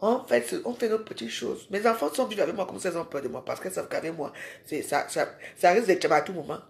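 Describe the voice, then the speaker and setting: A woman's voice: lowish voice, quick pace, creaky, a little hiss or hum. A woman ranting in a live social media video. She is confrontational and scolding and keeps firing rhetorical questions at her viewers.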